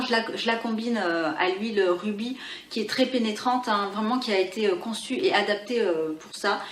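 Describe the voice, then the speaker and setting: A woman talking through her favorite beauty products in a casual vlog, pausing often and restarting her sentences. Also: medium pitch, a little hiss or hum. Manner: hesitant, full of pauses and restarts. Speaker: beauty vlogger. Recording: echoey room with faint ambience.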